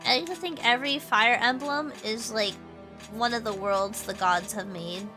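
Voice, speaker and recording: With a slightly high voice at an ordinary speed, a young woman chats through a gameplay stream over game music. She rambles with lots of fillers, and allergies leave her nose congested.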